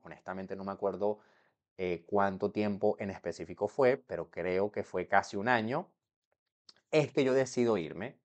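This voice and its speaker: A man's voice: lowish voice, darkish tone. A young man from Venezuela explaining to camera how he moved abroad, in a chatty way that keeps checking in with the viewer. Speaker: vlogger.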